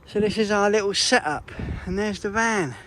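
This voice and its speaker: A man's voice: high voice, moderate pace, a bit bright, slight background noise. A man vlogging outdoors beside a fishing lake, chatting casually and breaking off mid-sentence. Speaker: vlogger, angler. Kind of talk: casual vlog chat.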